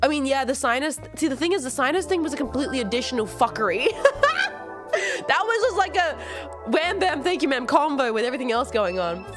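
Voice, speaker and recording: A woman's voice: high-pitched, lively intonation, fairly quick, over music. A young woman streamer chatting casually, giggling often, swearing freely and rambling with fillers. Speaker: VTuber streamer. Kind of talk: casual livestream chat.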